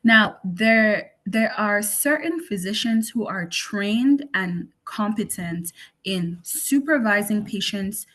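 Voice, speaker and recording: A woman from Cameroon, a physician, presenting an online health session in a measured, explanatory way with some ums and restarts. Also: mid-range voice, lively intonation, fairly bright tone.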